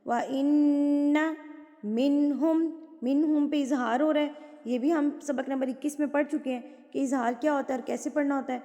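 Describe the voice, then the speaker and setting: A woman teaches recitation rules in a patient, step-by-step way, asking and answering her own questions. Her voice sits high, and her recited verses are slow and drawn out. A long reverb trails behind her words. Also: steady tone, mellow. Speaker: Quran tajweed teacher.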